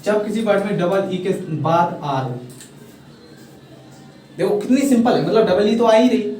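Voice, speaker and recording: In a casual classroom explanation, a young man who teaches English explains pronunciation to students in a Hindi accent, often checking they follow. His voice is high-pitched and warm, and he keeps saying "thik hai" in a coaxing, encouraging way. There's slight background noise, the room echoes, and his voice comes from far off.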